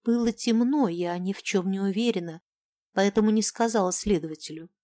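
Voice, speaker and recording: A woman voicing a timid neighbor woman who speaks softly and hesitantly. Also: medium pitch, fairly quick, no echo, studio quality, natural voice. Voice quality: soft, hesitant and wary.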